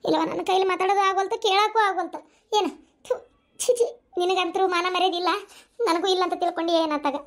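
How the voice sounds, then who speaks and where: A woman voicing a wailing village mother, very high-pitched. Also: steady tone, fast. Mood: scolding. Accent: North Karnataka Kannada. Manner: scolding, wailing to god. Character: scolding middle-aged village mother, distraught. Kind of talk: cartoon voice acting.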